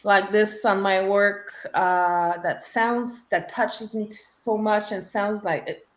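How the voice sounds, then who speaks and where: Slow, hesitant woman in an echoey room. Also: medium pitch, steady tone. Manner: hesitant, searching for words, grateful. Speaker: panel guest photographer. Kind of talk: casual chat.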